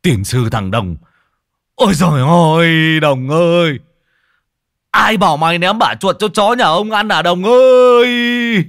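A man's voice: high-pitched, sing-song, a little slow, gravelly, long pauses, slightly rough, no room sound, clean studio sound, voice pushed up, exaggerated voice. A man doing a furious cursing old brute. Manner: shouting curses.

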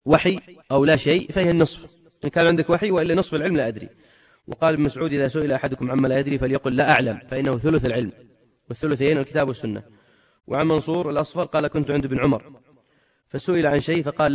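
Male religious teacher, mid-pitched, rapid reading delivery with emphatic asides. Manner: reads quoted narrations briskly, then comments with emphasis. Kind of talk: reading and explaining a religious text.

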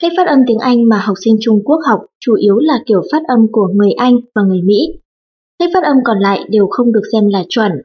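A woman narrating an audiobook in an even, formal reading tone. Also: on the high side, fast talker, husky. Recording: dull lo-fi audiobook recording.

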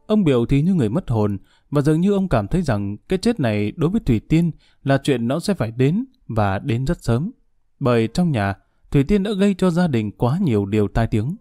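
A man calmly narrating a dramatic social story, reading slowly and steadily and lightly voicing the characters he quotes. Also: mid-range voice, dry recording, clean studio sound.

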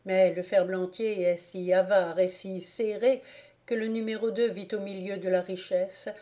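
A woman narrating an old storybook aloud, measured and expressive. Her voice is mellow and warm, sitting at an ordinary middle pitch. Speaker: audiobook reader.

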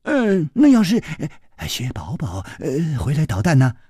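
A man's voice: on the high side, wildly swooping pitch, a little slow, warm tone, slightly rough, no room sound, studio quality, full character voice. A man voicing a nervous young swordsman who stammers and hesitates. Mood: flustered.

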